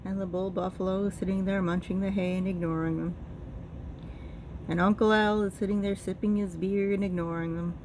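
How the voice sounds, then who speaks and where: A woman spins a family tale in an easygoing, rambling storyteller's voice, linking each event to the next with a steady run of "and"s. Her pitch sits in an ordinary middle range. A faint hiss of background noise runs under the recording. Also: fairly quick. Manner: relaxed, rambling storytelling with repeated "and"s.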